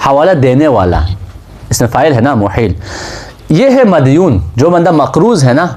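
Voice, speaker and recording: Lively-voiced male seminary lecturer. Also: mid-range voice. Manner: asks questions and answers them himself. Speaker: seminary teacher. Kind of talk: classroom lecture on Islamic law.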